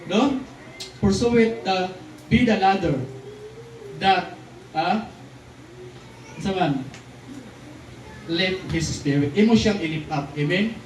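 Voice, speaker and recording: A man delivers a lively sermon, tossing "di ba?" and "no?" to his listeners as he moves between languages. His voice sits high for a man. He is heard from a distance in a roomy, echoing hall with a faint hiss of noise behind him. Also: slow pace, pauses often. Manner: lively, keeps asking the crowd "di ba?" and "no?"; switches between Cebuano and English lines. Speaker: preacher. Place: church hall.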